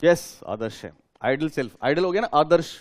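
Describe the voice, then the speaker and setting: A man's voice: on the high side, expressive, moderate pace. A man lecturing a class, asking his students questions and repeating key terms for them to write down. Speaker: teacher.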